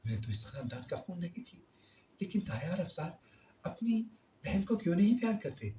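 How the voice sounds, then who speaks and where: A man voicing a hurt young bride who pleads softly through tears, in a storybook reading. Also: high voice, big pitch swings, slight background noise, pitched above the performer's own voice. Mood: pleading tearful. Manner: soft, tearful pleading. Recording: roomy, distant, dull recording.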